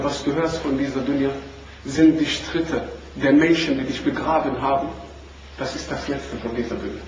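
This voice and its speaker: A man preaching to a seated audience in a high voice, swinging from loud questions to quiet, low lines. He is heard from far off in a strongly echoing room. A faint noise runs underneath. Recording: echoey room recording from far off.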